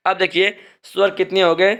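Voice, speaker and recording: A man gives a grammar lecture in a voice pitched a little above the usual for men. He explains patiently and goes over each point twice. He keeps checking in with his viewers and stretches out the sounds he is demonstrating. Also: level tone, creaky, fairly bright tone, highs cut off. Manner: repeats points, constant check-ins with "ठीक है ना" and "दोस्तों"; stretches vowels slowly when demonstrating them. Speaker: teacher.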